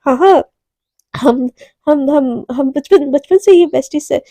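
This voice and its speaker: A woman's voice: high-pitched, unhurried, dark tone, no room sound. A woman voicing a nervous, flustered young woman who stammers and repeats her words.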